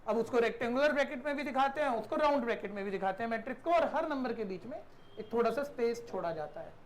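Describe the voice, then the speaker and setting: A man's voice: extremely high pitch, expressive, fast. A man teaching a math class in a conversational lecture style, often checking in with his students and asking them questions.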